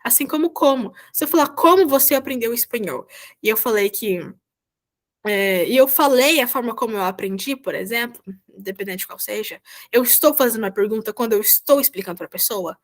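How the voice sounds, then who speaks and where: Brazilian woman, volunteer teacher on a video call, fairly high voice, patient and repetitive, checks in often. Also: fairly quick. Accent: Brazilian Portuguese. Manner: patient, repeats "tá?" to check understanding. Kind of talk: online class explanation.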